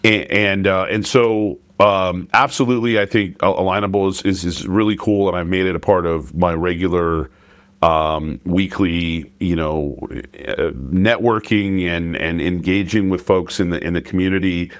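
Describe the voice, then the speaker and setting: A middle-aged podcast host with a very low voice who talks thoughtfully and hesitates often. The recording is dry and close. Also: male voice, fairly even intonation, moderate pace, no room sound. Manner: hesitant, many fillers and restarts, thoughtful. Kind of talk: casual conversational interview.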